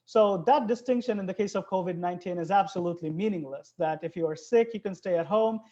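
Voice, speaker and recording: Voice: mid-range voice, fast talker, mellow. A biologist from Bangladesh, a guest in an interview, explaining things in an earnest way. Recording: dull lo-fi recording.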